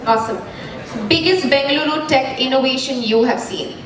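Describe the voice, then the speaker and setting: A woman with an Indian accent hosting a live event and asking rapid-fire questions. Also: high voice. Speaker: event host. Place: event hall with an audience. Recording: very echoey hall, distant, noisy crowd.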